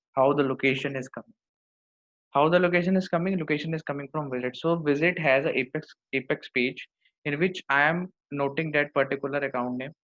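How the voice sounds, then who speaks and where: A man with an Indian accent giving a step-by-step software tutorial, often repeating his phrases for emphasis. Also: a little high. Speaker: software instructor. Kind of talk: screen-demo tutorial, explaining step by step. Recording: dull lo-fi microphone sound.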